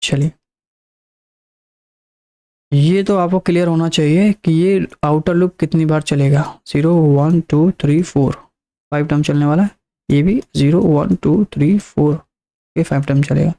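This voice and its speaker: A male programming teacher talks through his lesson one step at a time. His voice is warm and mellow, and he often repeats a point and counts items aloud to make it clear. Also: on the high side, steady tone, a little slow, pauses often. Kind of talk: screen-recorded coding lesson.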